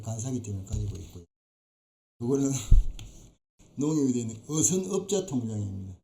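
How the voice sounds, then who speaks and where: A man's voice: mid-range voice, expressive, a little fast, vocal fry, dark tone, slightly rough. A middle-aged man giving a chatty, folksy live-stream talk as a fishing boat broker. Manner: chatty, folksy, laughs between points.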